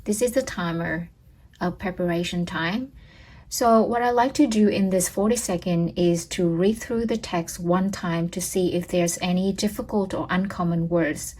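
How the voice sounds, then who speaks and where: A woman's voice: fairly low pitch, steady tone, normal speed, a little mellow, poor audio. A young adult woman giving a casual tutorial on exam speaking, repeating practice words and checking in with "okay?". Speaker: test-prep tutor.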